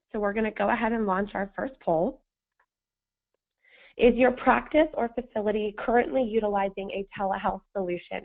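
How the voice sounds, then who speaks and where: A woman hosts a webinar with a hoarse smoker's rasp and plenty of gravel in her voice. She reads a prepared presentation, and the sound is thin, like a phone line. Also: medium pitch. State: hoarse, sandpaper-rough voice. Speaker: webinar host. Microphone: phone or webinar audio connection.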